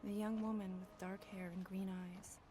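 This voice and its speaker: A woman's voice: mid-range voice, little pitch movement, moderate pace, dark tone, slight background noise, lightly acted. An actress playing a grieving young woman in a video game, telling her story earnestly and sorrowfully. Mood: sad. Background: game music.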